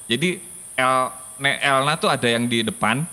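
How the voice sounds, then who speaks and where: A man's voice: mid-range voice, unhurried, bright, forceful tone, in a large hall. A man in casual chat, patiently explaining what words mean and how they are said. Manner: patient, explains word meanings. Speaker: guest explaining Javanese words.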